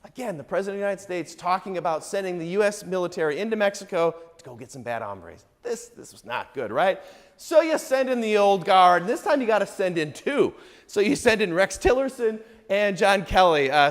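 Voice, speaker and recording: A male political science lecturer giving a public talk in a conversational, sarcastic way, often checking in with the audience. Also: high voice. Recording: echoey hall with long reverb.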